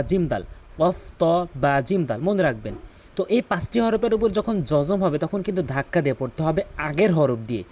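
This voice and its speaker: A man gives a Quran pronunciation lesson. He patiently explains each rule, then repeats the words slowly in a melodious recitation for listeners to practise. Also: on the high side, darkish tone.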